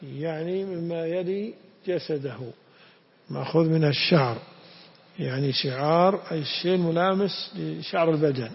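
A man's voice: fairly high pitch, normal speed, vocal fry, husky. A man teaching a religious lesson, reading a text aloud, explaining it and putting questions to his students. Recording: echoey hall, dull lo-fi sound.

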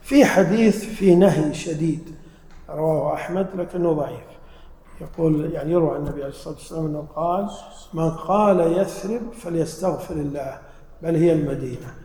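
A man delivering a religious lesson, posing questions to his listeners before answering them. His voice sits a little high but sounds mellow and warm. It rings out with long reverb in a big, roomy hall, with faint ambient noise underneath. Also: brisk. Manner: asks the audience questions and then answers them. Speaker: religious teacher.

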